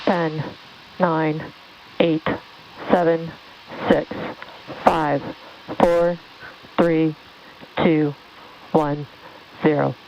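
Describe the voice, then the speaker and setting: A woman calling a launch countdown in clipped, steady callouts, heard over a crackly, breaking-up launch radio feed played back from a replay. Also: deep voice, extremely slow, pauses often. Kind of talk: launch control countdown call.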